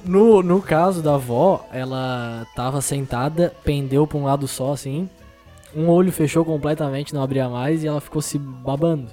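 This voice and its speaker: A man's voice: on the high side, normal speed, dark tone, soft background music. A young man co-hosting a casual podcast, telling stories in a joking way and acting out the other people's voices. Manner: jokey storyteller, acts out quoted voices. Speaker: podcast co-host.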